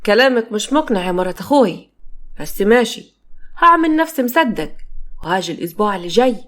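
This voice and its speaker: Woman voicing a middle-aged Upper Egyptian uncle, Egyptian accent, domineering, suspicious, quick talker. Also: medium pitch, expressive, a bit bright, natural voice. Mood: suspicious, threatening.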